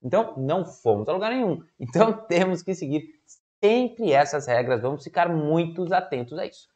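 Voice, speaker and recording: A woman teaching children programming, lively, with lots of questions and little acted-out dialogues. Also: low voice, normal speed, highs cut off. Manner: animated, asks questions and acts out little dialogues.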